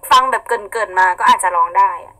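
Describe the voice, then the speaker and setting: A young woman with a husky voice, chatting casually on a live stream, reading out viewer comments and laughing often. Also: medium pitch, a little fast, sharp tone, low-quality recording. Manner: chatty, giggly, playful. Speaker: idol singer on a live stream.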